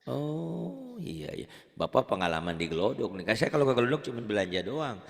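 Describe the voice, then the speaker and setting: A man's voice: medium pitch, very animated, normal speed, gravelly, in a large hall. A man with a Javanese accent teaching Quran reading in an online lesson, chatting and drilling syllables. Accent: Javanese Indonesian. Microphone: online call.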